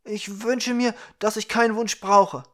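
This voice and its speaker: A man voicing a small, stubborn male dwarf with a high, shrill, defiant voice in a storybook reading. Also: steady tone, a little slow. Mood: cunning.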